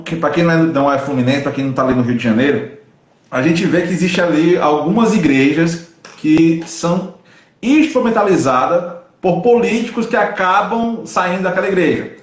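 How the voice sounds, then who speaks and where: Hesitant host, echoey room. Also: male voice, on the high side. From Northeast Brazil. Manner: hesitant, restarts phrases. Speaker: interview host, pastor. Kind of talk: conversational interview questions.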